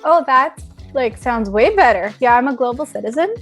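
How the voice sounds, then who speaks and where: A woman's voice: a little high, animated, moderate pace, faint music behind. A woman from Thailand, a podcast guest, talking in a cheerful, self-deprecating way. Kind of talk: casual podcast conversation.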